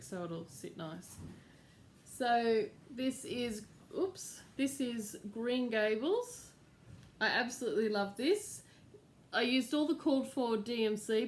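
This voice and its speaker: A middle-aged woman, hosting a crafts channel in a casual, rambling chat at home with lots of fillers. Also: mid-range voice. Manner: chatty, rambling, with fillers and laughs. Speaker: cross-stitch channel host.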